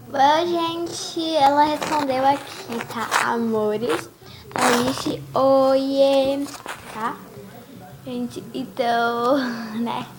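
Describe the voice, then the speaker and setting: A young girl, chatting slowly and giggling as she reads chat messages aloud for her video channel. Her voice sits fairly high, and clear background noise runs through the home recording. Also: fairly even intonation. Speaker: YouTuber. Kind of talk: casual vlog narration.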